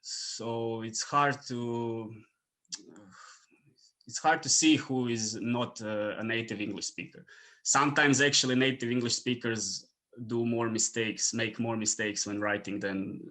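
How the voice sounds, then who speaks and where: Non-native English speaker from Croatia, casual podcast guest; bright, forceful tone with a mid pitch, relaxed and filler-heavy. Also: male voice, unhurried. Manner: relaxed, many fillers, trailing off quietly. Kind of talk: casual interview chat.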